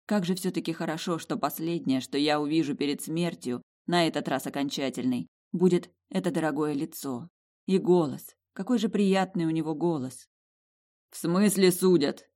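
A woman narrating a first-person fantasy audiobook in an emotive, expressive way. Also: low voice, normal speed.

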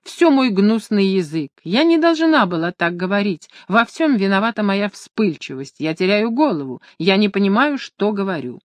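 A narrator voicing an impulsive young noblewoman who pleads softly and apologizes in an audiobook. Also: mid-range voice, very animated, moderate pace, hardly any pauses, no room sound, close to an everyday voice. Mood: contrite. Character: impulsive young noblewoman, fiery yet contrite.

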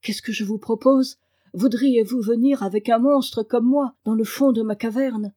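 A woman's voice: a little high, steady tone, normal speed, dark tone, natural voice. Woman reading as a pleading boar prince. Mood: tender pleading. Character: gentle cursed prince living as a wild boar. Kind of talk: read-aloud fairy tale.

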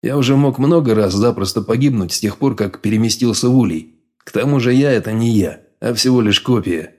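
A man's voice: medium pitch, brisk, a little mellow, lightly acted. A male audiobook reader voicing the first-person hero, a blunt man who shrugs off danger. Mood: plain. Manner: plain, shrugging. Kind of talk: audiobook character voice.

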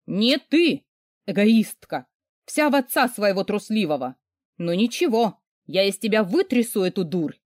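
A woman voicing a harsh, mocking middle-aged mother who scolds loudly. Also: medium pitch, very animated, moderate pace, no room sound, lightly acted. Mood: scornful shouting.

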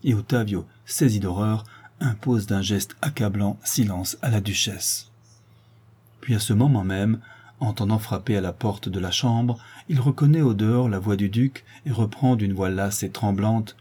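Man, audiobook narrator, low voice, mellow, husky, steady literary narration. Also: a little slow. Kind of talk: scripted narration.

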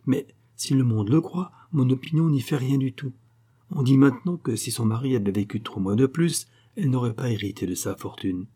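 A man's voice: medium pitch, brisk, dark tone, husky, natural voice. A man voicing an anxious noblewoman who presses her advice urgently, in a read-aloud novel. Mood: persuasive. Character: anxious scheming noblewoman, pleading, gossipy.

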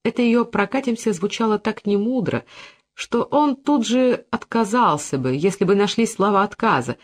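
An audiobook narrator reads literary prose in a measured, expressive voice. The pitch moves in a lively way, with frequent rises and dips through each sentence.

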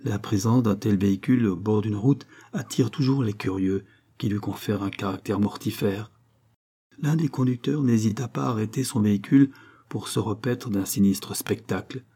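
A man reading a crime novel aloud in a measured, even narration. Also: fairly low pitch, breathy edge. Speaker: audiobook narrator.

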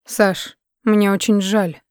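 A woman reading the lines of a young man who quietly breaks terrible news. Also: mid-range voice, steady tone, takes it slowly, no room sound, clean studio sound, lightly acted. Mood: subdued. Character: young man, guilt-stricken ex-partner.

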